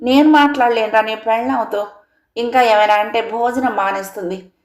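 A woman voicing an elderly mother-in-law who dotes on her sons, speaking slowly and drawn out in a chiding tone. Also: on the high side, steady tone, roomy sound, pitched above the performer's own voice, natural voice. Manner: slow, drawn-out, scolding tone.

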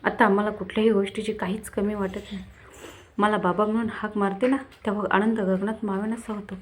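A woman voicing a man's cheerful village friend who gives warm, persuasive advice. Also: medium pitch, little pitch movement, fairly quick, a little hiss or hum, lightly acted. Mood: encouraging.

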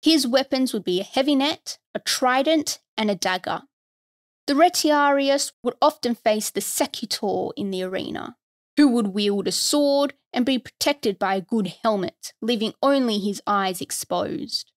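A woman's voice: a little high, lively intonation, a little slow, dry recording, studio quality. A woman hosting a history podcast, reading a scripted narration in a conversational tone with wry asides. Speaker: podcast host.

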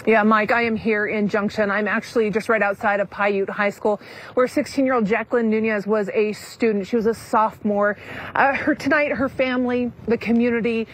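A woman field reporter giving a live news report outdoors at night, brisk, with some fillers. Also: fairly high pitch, steady tone, low-quality recording.

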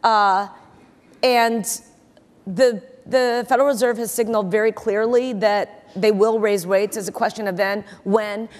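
Give me an emphatic woman in her forties answering on a conference stage, mid-pitched, with hall reverb. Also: fairly even intonation, a little slow. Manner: confident, emphatic, repeats words for stress. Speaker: investor and keynote guest. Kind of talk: onstage interview. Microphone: lapel mic.

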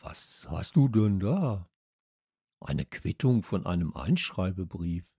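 A man's voice: low voice, big pitch swings, slow, gravelly, dark tone, slightly rough, dry recording, clean studio sound, exaggerated voice. A man voicing a good-natured schoolboy in a children's audiobook, talking in loose street slang. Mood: casual.

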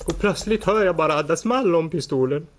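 A man in his forties giving a halting personal account as a defendant in a courtroom, often stumbling and restarting words. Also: on the high side, a little hiss or hum. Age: 40s.

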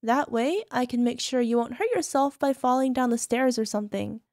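The woman here sounds natural yet very high and girlish, with a darkish tone at normal speed, as she plays a young yandere wife in an ASMR roleplay addressed to the listener. Her cooing is doting and teasing, sugary but possessive and quietly controlling. The recording is dry, free of echo and room sound.

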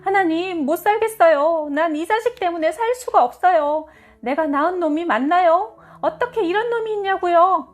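A woman's voice: high-pitched, very animated, normal speed, hardly any pauses, pitched above the performer's own voice. A woman voicing a furious, foul-mouthed middle-aged mother who shrieks insults and wails in prayer. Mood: wailing prayer.

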